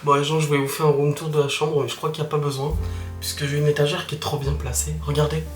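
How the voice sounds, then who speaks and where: A man's voice: fairly high pitch, little pitch movement, fast talker, roomy sound, over music. A man vlogging casually in a small hotel room, keeping his voice down as he talks to the camera. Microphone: camera microphone, no dedicated mic.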